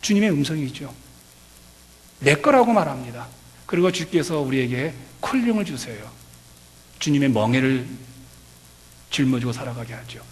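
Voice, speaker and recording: A man's voice: mid-range voice, sing-song, normal speed, pauses often, long reverb tail. A man preaching a sermon as pastor, impassioned and pleading. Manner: impassioned, building to loud pleading.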